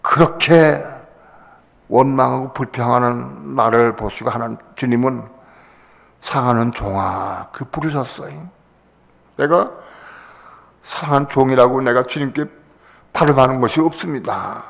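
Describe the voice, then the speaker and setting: An older male pastor, speaking a little slowly in a gravelly voice with long pauses, gives an emotional sermon testimony in a church sanctuary. His pitch leaps sharply upward in passionate bursts. The recording carries the long reverb of a church hall.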